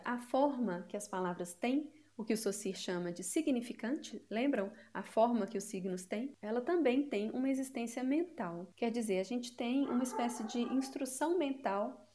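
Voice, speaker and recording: A woman's voice: fairly high pitch, a little mellow, slight background noise. A woman giving a linguistics lesson for a video series, explaining step by step and posing rhetorical questions to the viewer. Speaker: linguistics teacher. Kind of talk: educational video lecture.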